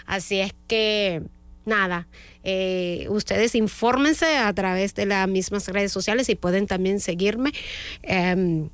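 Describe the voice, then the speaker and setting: A woman's voice: mid-range voice, slow pace, clear, resonant tone, no room sound. A Dominican woman hosts a morning radio music show, chatting freely with fillers and self-corrections. Her voice sits in a middle register for a woman. The studio sound is dry and close. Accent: Dominican Spanish. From Dominican Republic. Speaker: radio host.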